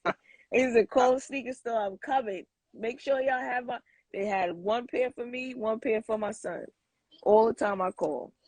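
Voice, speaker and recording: Speaking a little slowly in a slightly high, darkish voice with no echo, a woman in her forties chats informally as an interview guest. She collects sneakers and drifts a bit as she thinks aloud.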